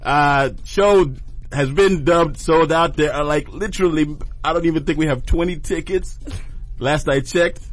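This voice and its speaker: A man, a DJ guest promoting an event on a radio show in a relaxed, hyping way. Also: on the high side, a little slow. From Washington, D.C. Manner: laid-back hype, trailing off.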